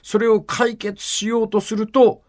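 An older man hosting a radio talk show, reading listener letters and telling stories with lively dialect voices. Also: high-pitched, measured pace. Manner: lively storytelling, acting out dialect dialogue. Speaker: radio host.

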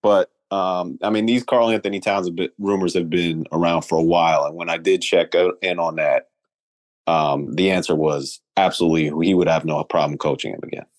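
Low-voiced man weighing options. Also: fairly even intonation, fairly quick, no echo. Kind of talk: casual sports talk.

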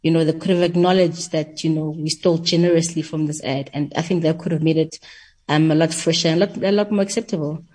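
Husky, lower-pitched woman. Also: steady tone, fast, darkish tone. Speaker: guest advertising expert. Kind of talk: conversational radio analysis.

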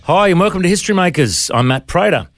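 A man's voice: sits high, lively intonation, quick pace, over music. A man with an Australian accent hosting a conversational interview. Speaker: interview show host.

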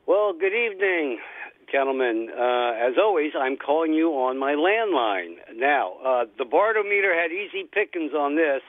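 An older male caller heard over a landline phone, the sound thin and tinny. He talks haltingly in a fairly high voice, full of "uh" fillers, with a wry tongue-in-cheek edge. The line is dry and close, with no room around it. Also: expressive, no room sound. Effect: calling in over a landline phone. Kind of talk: call-in chat on a sports radio show.

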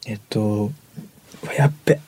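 A woman's voice: very deep voice, moderate pace, very noisy. A young woman co-hosting a podcast, chatting casually and rambling loosely through her explanations in slangy speech. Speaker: podcast co-host. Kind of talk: casual chat.

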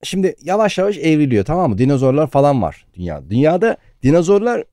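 A man co-hosting a casual comedy podcast in a playful, animated manner. His pitch swings widely while his tone stays mellow and dark, and his fast delivery is caught on a dry, close mic. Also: no echo. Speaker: podcast co-host.

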